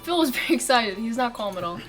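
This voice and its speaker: A woman's voice: on the high side, animated, fast talker, a bit bright, faint music behind. A woman streamer reading a visual novel aloud, laughing and swearing between lines.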